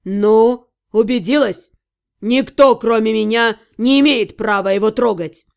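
A woman's voice: fairly high pitch, unhurried, vocal fry, darkish tone, smooth. A woman voicing a smug, sarcastic male demon lord in an audiobook. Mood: sneering. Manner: sneering, sardonic. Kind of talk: audiobook character reading.

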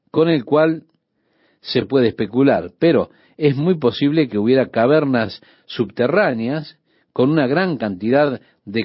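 A man's voice: medium pitch, breathy edge, no echo, muffled recording. A man teaching a Bible study on the radio, explaining steadily and speaking directly to the listener.

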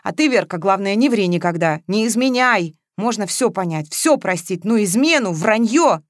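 A woman's voice: medium pitch, expressive, normal speed, no room sound, studio quality, close to an everyday voice. A woman reading the part of an agitated, jealous man who speaks in a raised, heated voice. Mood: accusing.

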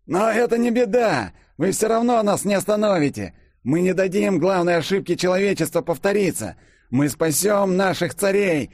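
Man voicing a shrill fanatical villain. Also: a little mellow, dry recording, studio quality. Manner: shrill, frenzied ranting. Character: fanatical male monarchist time-traveller, ranting villain. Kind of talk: audiobook character voice.

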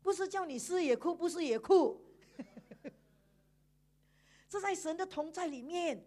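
A woman preaching a sermon in church, animated, with frequent laughter and emphatic sentence endings. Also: very high-pitched, slow pace.

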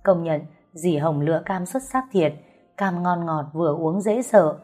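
A woman telling a ghost story in the first person, in a steady, plain storytelling manner. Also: on the low side, measured pace. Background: faint music.

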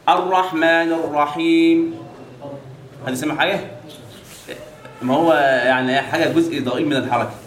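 Male recitation teacher, Egyptian accent, fairly high voice, quizzing his class, heard from a distance in an echoey hall. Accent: Egyptian Arabic. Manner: quizzes the class with repeated questions and drawn-out recited examples. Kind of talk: classroom tajweed lesson. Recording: echoey room, mic at a distance, faint background hiss.

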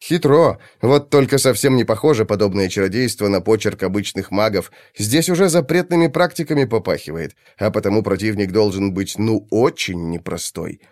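A man narrating a fantasy audiobook in a measured, dramatic reading. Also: lowish voice, a little mellow, no echo, studio quality.

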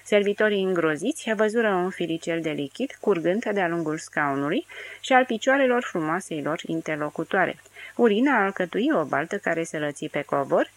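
A woman narrating an audiobook of a novel in a steady, measured way. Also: fairly low pitch.

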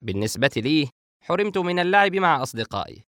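A man's voice: a little high, big pitch swings, fast, fairly bright tone, no room sound, studio quality, pitched above the performer's own voice. A man playing a teasing grown brother. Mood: joking. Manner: joking, teasing. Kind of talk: audiobook character voice.

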